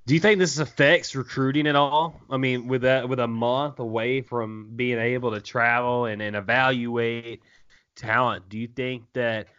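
A man's voice: medium pitch, steady tone, normal speed, fairly bright tone. A man hosting a casual sports talk show, putting questions to his co-talker in a conversational way. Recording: muffled, band-limited audio.

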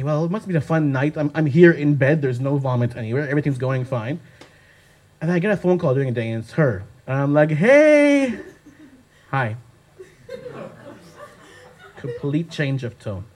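A young man telling a funny personal story, animated and laughing often, jumping into high voices for the people he quotes. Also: breathy edge. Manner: animated, acts out voices of others with big pitch jumps; frequent laughter while talking.

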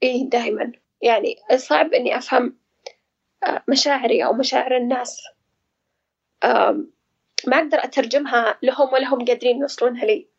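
Woman talking fast and high, husky voice, lots of pauses, muffled lo-fi audio. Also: fairly even intonation. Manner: hesitant, searching for words, reflective. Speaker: guest sharing personal experience. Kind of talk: casual conversational interview.

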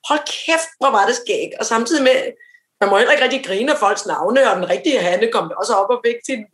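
Chatty woman, high voice, echoey room. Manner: animated storyteller, acts out quoted voices, laughs often. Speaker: podcast co-host. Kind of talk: casual chat, storytelling.

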